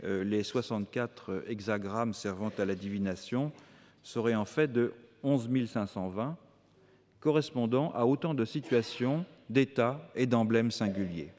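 A man's voice: medium pitch, darkish tone, a little hiss or hum. Formal male lecturer in a reverberant hall. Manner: measured, formal delivery with occasional hesitant fillers. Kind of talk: academic lecture reading from a text.

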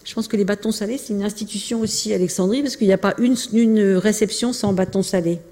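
A woman presents old photos and documents in a casual lecture, often pausing, restarting and filling gaps with little hesitations. Her voice is dark and mellow. It rings out with a long reverb, as in a large hall. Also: mid-range voice. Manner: hesitant, many fillers and restarts. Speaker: lecturer presenting family archives. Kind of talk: informal illustrated talk.

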